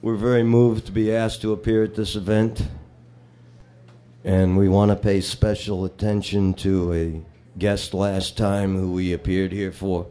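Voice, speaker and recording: A man's voice: sits low, flat delivery, unhurried, mellow. A man performing a live comedy set, telling bar jokes with rambling, wisecracking patter between them.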